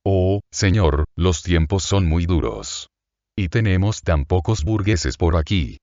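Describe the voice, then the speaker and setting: A man's voice: low-pitched, expressive, unhurried, a little mellow, no echo, muffled recording. A man voicing a scheming middle-aged female innkeeper who whines and fawns over a rich guest, in an audiobook reading. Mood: lamenting. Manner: plaintive, wheedling, fawning.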